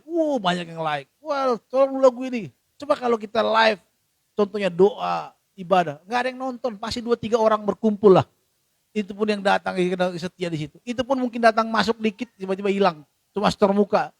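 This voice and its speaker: Animated high-voiced pastor with gravelly edge. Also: male voice, no room sound. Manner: animated, slangy, swings between loud emphasis and muttered asides. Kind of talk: casual sermon with acted anecdotes. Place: church.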